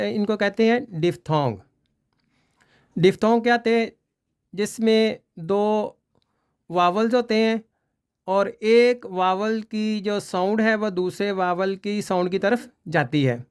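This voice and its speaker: A man's voice: high-pitched, measured pace, clear, resonant tone. A man teaching English pronunciation, patiently repeating vowel sounds for students to copy. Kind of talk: slow spoken pronunciation lesson.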